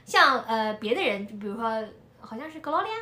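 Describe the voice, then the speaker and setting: Lively, bright-voiced woman. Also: a little high, brisk, roomy sound. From Shanghai. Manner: animated storytelling, laughs often. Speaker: video creator discussing a film. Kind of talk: casual chat.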